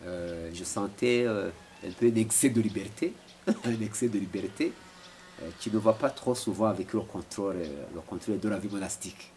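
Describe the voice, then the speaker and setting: This Rwandan man in his forties speaks at an ordinary pace in a fairly low, somewhat dark voice. A philosopher being interviewed at home, he hesitates often and repeats words, and there is plenty of noise in the recording.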